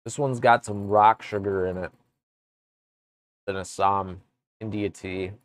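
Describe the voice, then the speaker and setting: A man streaming live from his woodworking shop, chatting casually with viewers in a relaxed, rambling way. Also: lowish voice, slow, no echo. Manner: relaxed, rambling, chats with viewers between tasks. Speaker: woodworking livestreamer. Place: home workshop.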